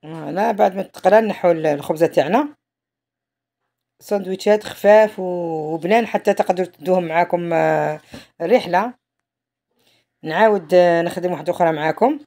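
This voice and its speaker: A woman's voice: fairly low pitch, fairly quick, vocal fry, pauses often, dark tone. A woman with an Algerian Arabic accent, narrating a home cooking tutorial in a chatty way, often trailing off mid-phrase. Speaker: home cook.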